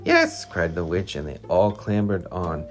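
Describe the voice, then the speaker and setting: A woman reading a rhyming picture book aloud to a child at home, with lively storytelling. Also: rumbling low, moderate pace. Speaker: reader to a child. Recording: music playing behind.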